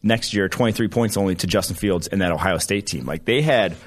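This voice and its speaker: Deep-voiced laid-back podcast man. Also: brisk. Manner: laid-back, rambling analysis with fillers. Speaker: podcast co-host. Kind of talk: casual sports podcast chat.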